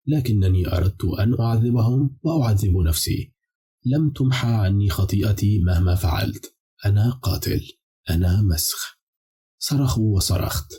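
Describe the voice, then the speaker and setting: A man narrating a dark novel as an audiobook in a measured, somber storytelling manner. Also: fairly low pitch, slightly rough. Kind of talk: scripted dramatic narration.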